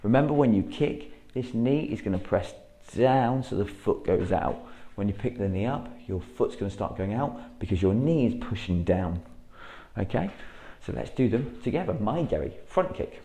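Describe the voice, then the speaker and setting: Karate instructor, male, lowish mellow voice, patient explainer who barks out drill counts; echoey room. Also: expressive, moderate pace. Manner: patient step-by-step explaining, then loud rising counts. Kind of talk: martial arts class instruction.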